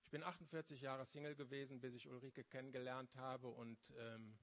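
Man in his fifties preaching, halting. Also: mid-range voice, little pitch movement, a bit bright. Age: 50s. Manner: halting, searching for words, then rising with fervor. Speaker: lay preacher. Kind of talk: sermon testimony.

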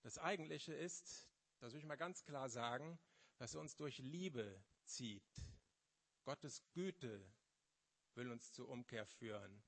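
A man in his fifties speaks from a church seat in an ordinary mid-pitched voice. He halts and gropes for words, repeating himself, then lifts into fervent, emphatic preaching. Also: animated, creaky, fairly bright tone. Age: 50s. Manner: halting, searching for words, then rising with fervor. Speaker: lay preacher. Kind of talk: sermon testimony.

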